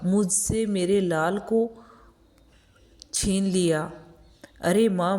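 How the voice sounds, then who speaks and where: A woman's voice: medium pitch, warm tone, lightly acted. A woman voicing an elderly devout mother who pleads in grief, in a storybook reading. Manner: pleading lament.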